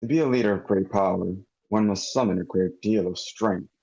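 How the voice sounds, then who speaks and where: A man reading the part of a well-spoken male narrator in his late thirties at a script table read, with a measured, formal delivery over dull, lo-fi online call audio. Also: deep voice, darkish tone, slightly rough. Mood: solemn. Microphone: computer mic in an online meeting.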